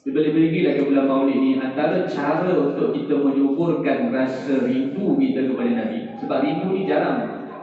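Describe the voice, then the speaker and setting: A male religious teacher with a Malaysian Malay accent, giving a casual, joking lecture to a congregation in a prayer hall. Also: medium pitch. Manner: conversational, jokes with the audience. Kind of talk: mosque lecture. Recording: roomy, distant, dull lo-fi hall recording.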